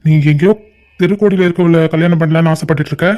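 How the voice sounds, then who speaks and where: A man's voice: on the high side, fairly even intonation, racing, darkish tone, natural voice. A man voicing a stern, scolding cartoon father. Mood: angry. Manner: scolding, commanding. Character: stern angry middle-aged father. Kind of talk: cartoon family drama voicing.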